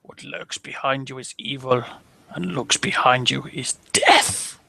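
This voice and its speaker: A man voicing an evil, amused male corpse in a live horror story reading, speaking slowly and with menace. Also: medium pitch, gravelly, bright, forceful tone, slightly rough, no echo, heavily acted. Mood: sinister.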